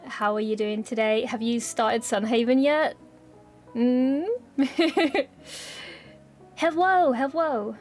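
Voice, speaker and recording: Woman streamer, high bright voice, unhurried delivery, bubbly and giggly, casual live-chat banter. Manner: bubbly and excitable, laughs often, swears freely.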